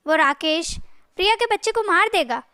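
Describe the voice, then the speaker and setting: A woman's voice: extremely high pitch, animated, normal speed, sharp tone, dry recording, studio quality, exaggerated voice. A woman voicing a distressed, earnest young wife in a family story. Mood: pleading. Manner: pleading, earnest.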